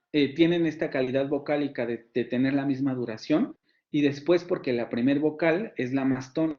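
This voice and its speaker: Male phonetics lecturer, Mexican Spanish accent, mid pitch, patient and repetitive, slightly dull lo-fi audio. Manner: explanatory, repeats example words slowly, frequent fillers. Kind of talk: online lecture to students.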